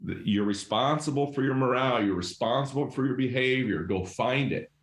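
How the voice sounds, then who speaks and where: A man's voice: mid-range voice, fairly quick. Casting note: middle-aged male guest coach, passionate and emphatic, conversational storytelling, roomy echo. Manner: emphatic, animated, acts out quoted voices, casual swearing. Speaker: guest, leadership coach and former principal.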